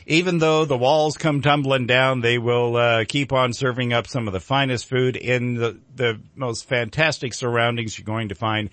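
A man's voice: mid-range voice, fairly even intonation, moderate pace, few pauses, fairly bright tone, dry recording. Folksy American man hosting dry-miked morning radio. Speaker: local radio show host. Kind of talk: unscripted morning radio chat.

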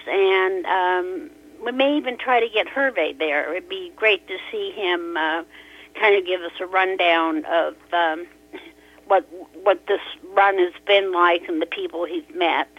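A woman calling in to a radio show over a clipped telephone line, talking casually and halting often to find her words. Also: medium pitch. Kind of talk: casual call-in chat. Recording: muffled phone-line audio.

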